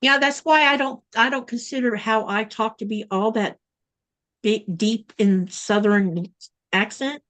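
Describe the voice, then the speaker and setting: A Floridian woman co-hosts a relaxed sewing livestream by video call from her home in Greenland, chatting and reading viewer comments aloud. Her voice sits a little high and sounds fairly bright, with fairly even intonation and a measured pace.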